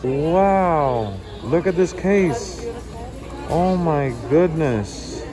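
A man's voice: fairly high pitch, animated, very slow. A man casually chatting while filming a shopping vlog, pointing out prices as he walks around. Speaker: vlog host. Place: large indoor retail store. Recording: store music playing behind.

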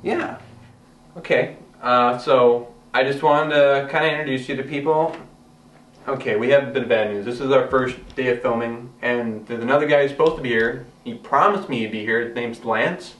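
In a comedy sketch, a man plays a frantic, exasperated rookie film director, talking fast in a medium-pitched, fairly bright voice. He is recorded from far off in an echoey room with faint background noise.

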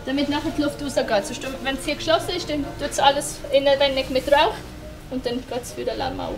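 A woman's voice: high voice, steady tone, fast, over music, low-quality recording. A young woman, a native Portuguese speaker from Portugal, working at a hotel reception, friendly and laughing often. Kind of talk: casual chat. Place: indoors at a hotel reception and lounge.

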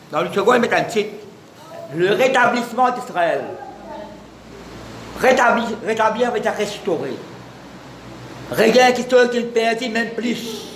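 A man's voice: high voice, fairly bright tone. A man preaching a sermon as pastor, mixing French with Creole and repeating words to his congregation. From Mauritius. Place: church hall. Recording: echoey church with faint room noise.

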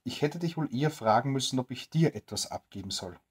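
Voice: medium pitch, expressive, a little fast, slightly rough. A reader voicing a cheerful, cunning male tramp in a bedtime storybook tale, in a friendly, coaxing way. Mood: sly.

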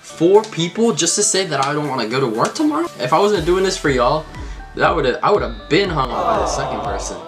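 A man's voice: on the high side, big pitch swings, a little fast, over music. A young man talking in a casual, slangy way, as in a prank phone call or video chat. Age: young adult. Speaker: prank caller and video host. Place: small room indoors, plain wall.

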